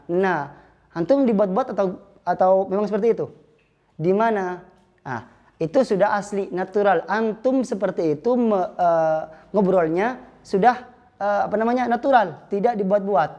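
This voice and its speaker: A man's voice: sits high, a little mellow, muffled recording. A male Islamic teacher explaining a lesson patiently, acting out short spoken examples.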